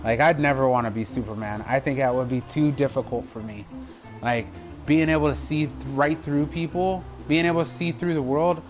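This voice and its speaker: A man's voice: medium pitch, brisk, faint music behind, poor audio. Chatty, rambling male streamer. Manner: rambling, chatty, laughs often. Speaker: live streamer. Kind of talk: casual chat while gaming.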